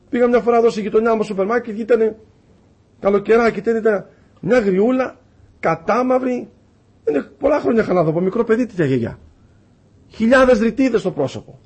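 A man's voice: extremely high pitch, a little mellow. A man preaching a sermon with passion, telling stories and acting out the dialogue in them. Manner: impassioned, acts out dialogue in stories.

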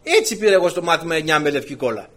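A man preaching a sermon to his congregation, telling a lively personal story as he goes. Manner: animated storytelling, voice climbing high when excited. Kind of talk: sermon with anecdote.

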